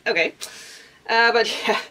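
This young woman's voice is on the high side, sharp in tone and a little slow. In a cluttered attic room at home, she chats about her clothes for a casual haul vlog, rambling slightly and using many fillers and repeated words.

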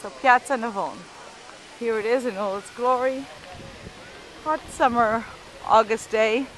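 A woman travel vlogger films outdoors in a busy city piazza, narrating casually and unscripted from behind a handheld camera. Her voice is on the high side, fairly even in intonation and a little slow, with some hesitation; the recording is low quality, with faint street noise.

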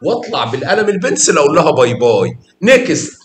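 Lively Egyptian man teaching young kids. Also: a little high, fast, roomy sound, crowd noise. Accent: Egyptian Arabic. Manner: animated and coaxing, praising and quizzing pupils. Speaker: math teacher. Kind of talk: classroom teaching to young children.

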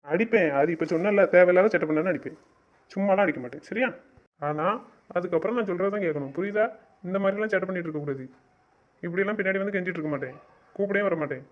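A man's voice: high voice, very fast. A man in a romantic audio drama, scolding and teasing his partner in a bossy way. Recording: dull lo-fi recording.

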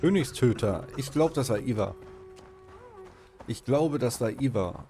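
Slow, dark-voiced German let's player. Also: male voice, mid-range voice, expressive, faint music behind. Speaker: let's play host. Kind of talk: casual gaming commentary.

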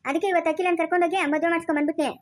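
Casting: a high-voiced performer as a smug, defiant village schemer who married off his sister by trickery. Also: flat delivery, racing. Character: scheming defiant younger brother, man. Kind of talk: family village drama.

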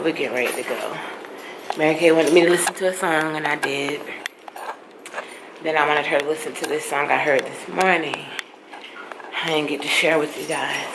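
A woman's voice: low voice, vocal fry. A woman chatting casually to her vlog viewers in a playful, talkative way. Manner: chatty, playful, uses "y'all". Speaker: vlogger. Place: car and shops. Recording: noisy phone recording.

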